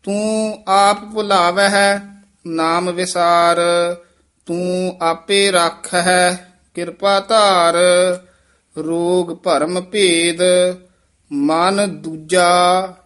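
A man chants scripture in a high, even voice, drawing every syllable out very slowly. He recites line by line as a teacher showing students how it should sound. His delivery stays steady and measured throughout. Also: clear, resonant tone. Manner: measured, drawn-out chanting, then quick quiet corrections. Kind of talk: slow chanted recitation with spoken pronunciation instructions.

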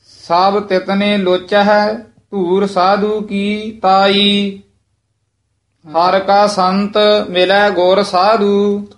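Male student reciter, high and flat, very slow, measured chant.

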